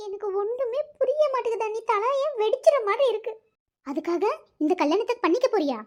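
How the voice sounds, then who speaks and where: A woman's voice: extremely high pitch, lively intonation, brisk, a little mellow. A woman voicing a distressed young bride in a cartoon, earnest and upset. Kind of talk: cartoon voice acting. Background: background music.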